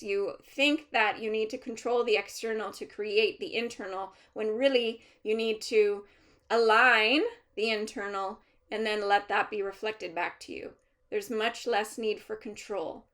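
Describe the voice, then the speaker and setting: A woman speaking as a trance medium, channeling a collective of master healer spirits in a deliberate, formal, instructive manner with pauses. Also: a little high, fairly bright tone. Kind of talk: seance medium channeling, unscripted spiritual teaching.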